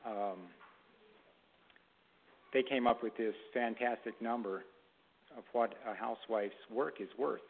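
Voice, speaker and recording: A man preaching a Mother's Day sermon in a halting way, with restarts and throat clearing, reading a story to his congregation. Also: medium pitch. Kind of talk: sermon with a read-aloud story. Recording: tinny phone-like sound.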